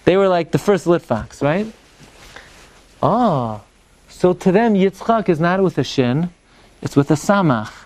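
A man with giving an animated religious class as a rabbi, emphatically posing questions and answering them. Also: sits high, measured pace, pauses often. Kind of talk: animated Torah lecture.

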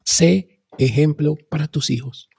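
Gravelly earnest male radio preacher. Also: a little high, measured pace, darkish tone, dry recording. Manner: earnest, addresses listeners as brothers. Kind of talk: preaching talk on radio and video.

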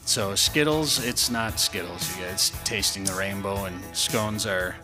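A man's voice: on the low side, a little slow, music in the background. A man hosting a radio show and running a quiz in a casual, upbeat way, laughing and slipping into a game show voice. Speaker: radio show host and quizmaster.

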